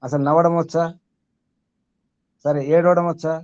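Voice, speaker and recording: A man's voice: fairly high pitch, level tone, moderate pace, a little mellow, dry recording. Guy leading a spiritual talk, keeps asking the room questions, lists stuff out, kinda muffled dry sound. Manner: questioning listeners, long lists. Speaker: spiritual teacher. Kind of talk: teaching sermon to a small group.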